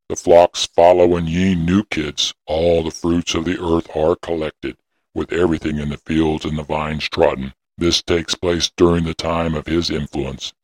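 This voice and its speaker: An ancient prophet, speaking in grave, archaic cadences. The voice sits at the very bottom of the range, with a breathy, husky grain. It is recorded close and dry, with no room sound. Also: male voice, no room sound. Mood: solemn. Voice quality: very deep husky voice. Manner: solemn, intoning, archaic prayerful delivery. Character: ancient prophet Enoch, solemn elderly man. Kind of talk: dramatic audio reading.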